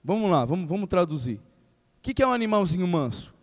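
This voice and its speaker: A male pastor, preaching a lively sermon that acts out everyday speech and builds to emphatic questions. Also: sits high, fast talker. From Brazil. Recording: long hall reverb.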